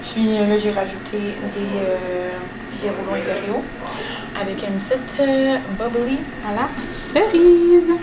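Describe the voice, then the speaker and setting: A woman with a Quebec French accent chatting casually at home for her vlog, excitable and dropping English words into her talk. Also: mid-range voice, unhurried, background noise. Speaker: vlogger. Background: background music.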